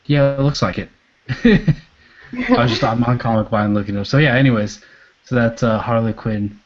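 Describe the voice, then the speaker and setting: Male podcast co-host, mid-range voice, relaxed and hesitant, dull lo-fi recording. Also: medium pitch, moderate pace. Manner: laid-back, hesitant, many fillers, trails off quietly. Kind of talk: casual chat.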